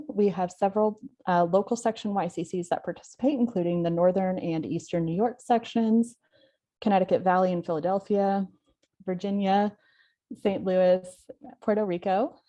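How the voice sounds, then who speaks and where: A woman hosting an online webinar over a video call, speaking plainly with some halting self-corrections. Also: mid-range voice, warm tone. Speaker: event host.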